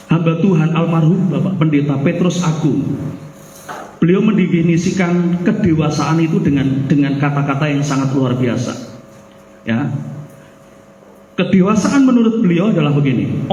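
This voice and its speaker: A man preaching a Sunday sermon as pastor, animated, and addressing the congregation directly. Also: a little high, muffled recording, slight background noise. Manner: animated preaching, mimics a crying baby with loud outbursts. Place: church hall. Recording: echoey hall, long reverb.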